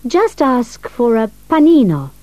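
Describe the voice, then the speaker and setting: A woman's voice: a little high, big pitch swings, measured pace, dark tone, no room sound, voice pushed up. A woman voicing a polite, kind young woman in a storybook reading, lifting her voice a little for her.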